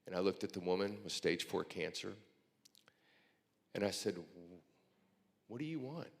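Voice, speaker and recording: Deep-voiced pastor telling heartfelt stories. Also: male voice, lively intonation, measured pace, creaky. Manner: earnest storyteller, quiet and emotional at times. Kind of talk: heartfelt speech at a breakfast event. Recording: long hall reverb.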